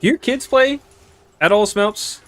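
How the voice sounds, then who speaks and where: A man in his twenties giving relaxed, rambling gameplay commentary and chatting with viewers, swearing casually. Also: high voice, a little slow, dry recording, soft background music. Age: 20s. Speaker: gaming streamer.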